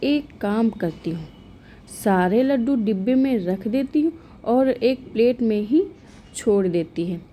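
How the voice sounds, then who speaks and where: Woman reader as a scheming young sister-in-law, sly and fake-innocent, slow delivery. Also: on the high side, lively intonation, dark tone, slight background noise. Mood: pleased.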